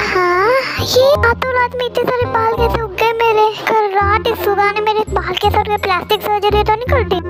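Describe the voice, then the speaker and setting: Woman voicing a vain young man, fan dub, panicky, whiny, very high voice, music behind. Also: low-quality recording. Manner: whiny, self-admiring, panicky. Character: vain young man stuck in a girl's body. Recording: music playing underneath.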